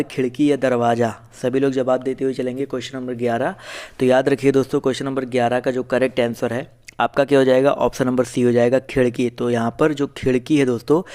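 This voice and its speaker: A man's voice: medium pitch, a little mellow. A man teaching an online exam-prep class, reading out questions and options, then explaining each answer to his viewers. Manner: addresses viewers as friends, asks "clear?"; reads out options and answers them one by one.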